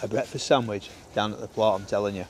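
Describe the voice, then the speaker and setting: Working in his greenhouse and on his allotment, a man vlogs casually with a fairly low voice, fairly even intonation, and fast speech. His chat rambles and is full of filler words, with a little hiss or hum in the audio.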